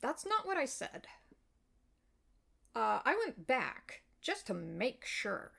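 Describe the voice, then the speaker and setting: An American woman, an author, calmly replies to a reader's comment in a measured, explanatory way with frequent fillers. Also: on the high side, vocal fry, breathy edge. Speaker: web fiction author. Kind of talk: reply video addressing a reader's comment.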